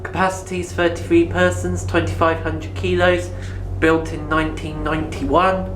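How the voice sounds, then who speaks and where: Flat in delivery and moderate in pace, a medium-pitched voice comments plainly on equipment in short remarks. The speaker films tours as a lift enthusiast, here inside a store's lifts, with an echoey, noisy sound.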